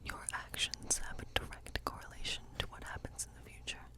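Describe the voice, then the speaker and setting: In an ASMR role-play, a woman becomes a friendly woodland witch giving a tarot reading. She whispers breathily and without hurry, musing and reassuring as she goes.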